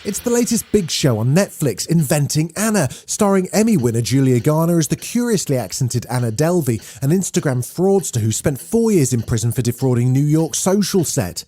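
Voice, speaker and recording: Lively man reading daily news. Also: fairly high pitch, a little fast, few pauses. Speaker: news podcast host.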